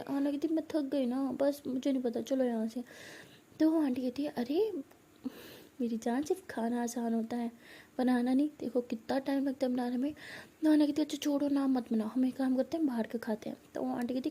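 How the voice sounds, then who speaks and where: Soft-voiced woman telling a love story. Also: sits high, slightly rough. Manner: soft, partly whispered narration. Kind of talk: narrating a love story, voicing each character.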